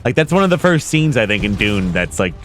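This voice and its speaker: A man's voice: fairly low pitch, sing-song, a little fast, fairly bright tone. A man giving casual, rambling commentary on a game, informal and sweary like an enthusiastic fan. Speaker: video game reactor and commentator. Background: game music and artillery fire.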